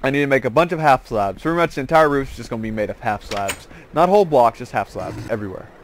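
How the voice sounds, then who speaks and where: The host of a gaming series gives casual, rambling commentary on a game, drifting into joking asides, in a fast, expressive, medium-pitched voice. Clear background noise and clicks are audible.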